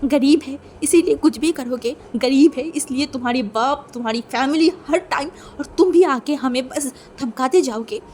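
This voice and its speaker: A woman doing a wounded young man in a fan storybook, shouting in a raised, louder voice with a mellow tone. He stammers when scared and lashes out when cornered. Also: a little high, level tone, moderate pace, slight background noise, close to an everyday voice. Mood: angry shouting. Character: young man, poor, hurt and furious.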